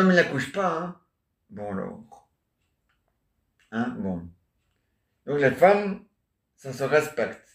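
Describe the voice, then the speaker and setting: In an echoey room, a man with a fairly high, fairly bright voice performs an improvised comic monologue alone on stage as an amateur. His rambling is chatty, full of replies to imagined listeners, added questions, and a steady stream of "hein?" and "ah ouais".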